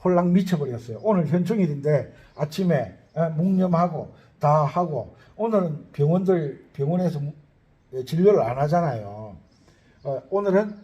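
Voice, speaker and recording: Chatty man, high lively voice. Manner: chatty, rambling, thinks aloud while listing places. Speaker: accordion teacher. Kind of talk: casual talk to viewers.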